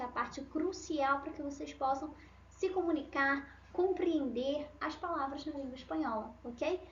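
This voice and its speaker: A woman's voice: high voice, reverberant, dull audio, slight background noise. A Brazilian woman with a Brazilian Portuguese accent, teaching a bilingual language lesson and checking in often with her students. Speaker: Spanish teacher.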